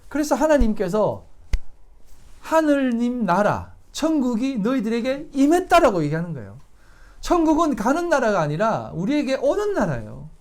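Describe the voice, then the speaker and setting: A male pastor delivers a Sunday sermon at a church service. He preaches emphatically, putting rhetorical questions to his listeners, and his pitch rises and falls with lively swings.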